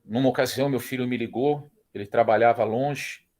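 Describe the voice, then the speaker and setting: A man's voice: medium pitch, a little fast, a little mellow. Emphatic middle-aged Brazilian man teaching. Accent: Brazilian Portuguese. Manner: emphatic, repeats phrases, acts out quoted dialogue. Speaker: Bible school teacher. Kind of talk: church Bible class teaching.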